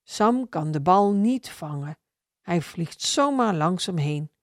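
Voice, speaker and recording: A woman reading a children's story aloud in a slow, expressive storybook manner. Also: fairly low pitch, dry recording, studio quality.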